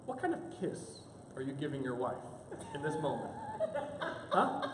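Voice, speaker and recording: A man's voice: mid-range voice, moderate pace, noisy background. A man preaching a sermon, telling a story and acting out the people in it. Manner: animated, acts out characters in quoted asides. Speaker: pastor. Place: church sanctuary. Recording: echoey church hall.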